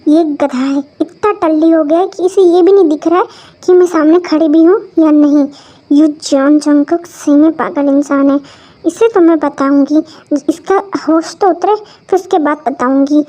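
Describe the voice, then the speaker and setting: A woman's voice: high-pitched, moderate pace, dark tone, lightly acted. A woman voicing a bossy young woman who scolds and grows exasperated. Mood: scolding. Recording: dull lo-fi recording.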